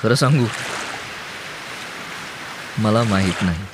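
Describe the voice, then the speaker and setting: A man voicing a calm young man in a boat, joking dryly, with sea waves behind. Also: on the low side, slow, in a large hall, background noise. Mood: wry. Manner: dry, joking, steady. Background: ocean waves sound effects.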